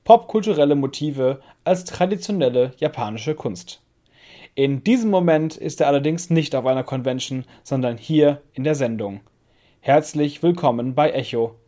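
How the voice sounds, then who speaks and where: A man's voice: medium pitch, animated, moderate pace, dark tone. A man hosting a show, delivering scripted narration to introduce a guest. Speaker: show host.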